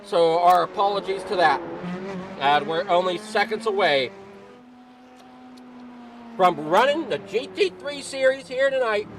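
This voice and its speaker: A man's voice: high voice, animated, measured pace, pauses often, a little hiss or hum. A man commentating an online sim race broadcast, casual and a little out of breath, running through the starting grid. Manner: casual, apologetic, slightly rambling.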